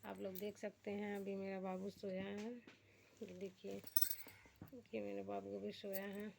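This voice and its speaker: A woman's voice: medium pitch, completely flat delivery, a little slow, vocal fry, warm tone, slight background noise. Chatty woman vlogging at home at night. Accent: Bhojpuri-tinged Hindi. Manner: chatty, addresses viewers as friends. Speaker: family vlogger. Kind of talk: casual home vlog to viewers.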